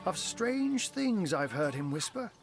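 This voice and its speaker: An actor playing a sly old wizard in cat form in a fantasy game, arch, wordy and conspiratorial. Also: male voice, high voice, very animated, unhurried, gravelly, music in the background, heavily acted. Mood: suspicious, urging. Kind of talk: fantasy game character dialogue.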